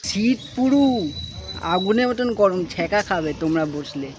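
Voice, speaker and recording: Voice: medium pitch, animated, normal speed. A vlogger, talking casually to the camera outdoors and grumbling about the heat. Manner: talks a little softly beside the road. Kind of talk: casual vlog talk to the camera. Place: outdoors around home and street. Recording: noisy outdoor phone audio.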